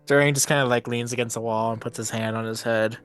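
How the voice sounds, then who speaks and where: A man's voice: medium pitch, steady tone, fast talker, fairly bright tone, clear, resonant tone, faint music behind. A man playing a tabletop game, bantering casually in role-play and often repeating himself.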